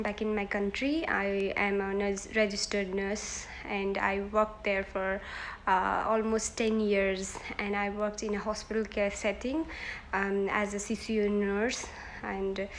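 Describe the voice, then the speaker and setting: A woman's voice: medium pitch, a little hiss or hum, rough recording. A woman, giving earnest, hesitant answers in a mock job interview. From Nepal. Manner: earnest, hesitant, self-correcting.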